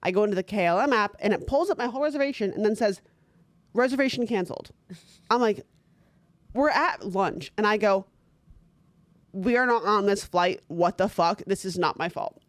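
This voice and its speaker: A woman's voice: mid-range voice, moderate pace, long pauses, dry recording. Young woman co-host, blunt, swears a lot, acts out quotes, dry close sound. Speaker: podcast co-host. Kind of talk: casual chat.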